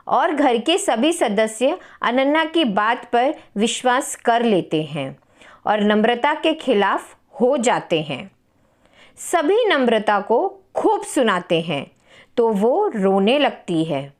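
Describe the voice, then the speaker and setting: A woman narrating a storybook tale in a measured storytelling manner. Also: on the high side. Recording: roomy echo with long reverb.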